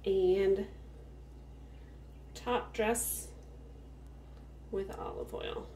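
Speaking extremely slowly in a steady, medium-pitched, darkish voice, a woman hosts a farmstead cook-with-me video and describes each step as she works in her home kitchen. The off-mic recording is roomy with a slight hiss or hum.

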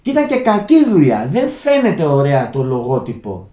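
A man's voice: on the high side, huge pitch swings, mellow, reverberant. A Greek man talking unscripted to his viewers, rambling with many restarts and calling out to his friends. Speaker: channel host. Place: Germany, indoor room.

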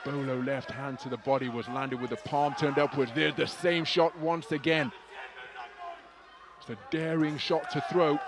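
A man giving live boxing commentary, fluent and articulate play-by-play with vivid wording. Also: fairly high pitch.

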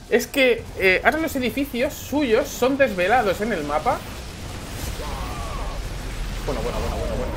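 A woman with a Spain Spanish accent giving excited game commentary, repeating phrases and bursting into shouts, with music behind her. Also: mid-range voice, a little hiss or hum. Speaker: esports caster.

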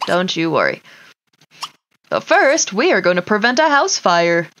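A gaming streamer plays a life simulation game, offering relaxed Let's Play chatter aimed at herself and the characters. She has a lowish voice with wide pitch swings and takes her time; background noise and mouse clicks come through clearly.

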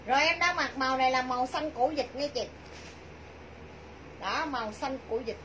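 A middle-aged woman with a southern Vietnamese accent giving a chatty, repetitive live sales pitch to viewers from a small clothing shop. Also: moderate pace, bright, forceful tone. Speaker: clothing shop livestream seller. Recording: noisy shop livestream, clear background noise.

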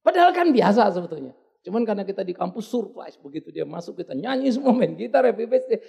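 A middle-aged man preaching a storytelling sermon as pastor, talking colloquially, dropping in English words and swinging between quiet asides and loud outbursts. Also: high voice, very animated, quick pace, gravelly, breathy edge. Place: church service.

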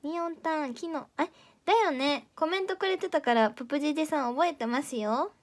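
A teenage girl with a Kansai Japanese accent chats casually on a livestream, reading out viewer comments. She teases her viewers playfully in a voice pitched a little above average. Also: fairly quick. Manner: playful and teasing, chatty. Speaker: idol audition candidate streaming live.

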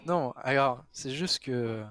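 A man's voice: medium pitch, slow pace, fairly bright tone, no echo. A young man playing in an online role-playing game, chatting in casual slang. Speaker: role-play player.

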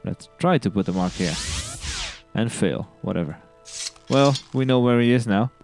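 A man's voice: medium pitch, expressive, moderate pace, music in the background. A man hosting a video game let's play, chatting casually and rambling, tripping over his words in a giddy, upbeat mood. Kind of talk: casual gameplay commentary.

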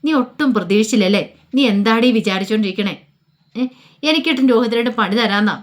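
A woman's voice: medium pitch, quick pace, close to an everyday voice. A woman voicing a cruel young man who taunts and threatens, in a sneering manner. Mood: taunting. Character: menacing young male villain, taunting and cruel.

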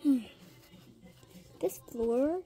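A woman's voice: high-pitched, lively intonation, drawn-out words. A woman voicing kid characters in a pet toy role-play, rambling with lots of ums and restarts and slipping into whispered asides. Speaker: toy figure video creator.

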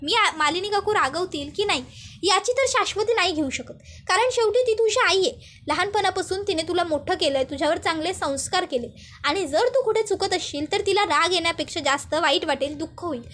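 A woman voicing a young sister-in-law who scolds and reassures firmly, in a very high voice. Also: a little fast, fairly bright tone, slight background noise.

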